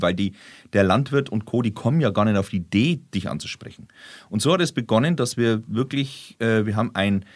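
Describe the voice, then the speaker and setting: A man talking as a guest in a casual podcast chat, telling stories in lively bursts. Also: fairly low pitch, dry recording, clean studio sound. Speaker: star chef guest.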